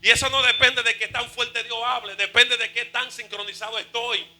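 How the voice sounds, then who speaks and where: A male pastor preaching a fervent sermon, shouting and half-singing his phrases. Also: very high-pitched, little pitch movement, moderate pace, poor audio.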